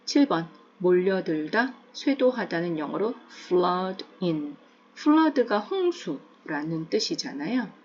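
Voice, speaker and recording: A woman English teacher who narrates a lesson, explaining slowly and repeating phrases. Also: fairly low pitch, very animated, darkish tone, muffled recording, a little hiss or hum.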